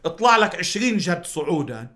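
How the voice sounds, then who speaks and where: Higher-pitched male religious scholar explaining. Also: sing-song, a little fast, a bit bright. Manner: didactic, restating with examples and hesitations. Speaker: religious scholar, seminary teacher. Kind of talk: explanatory religious answer on radio.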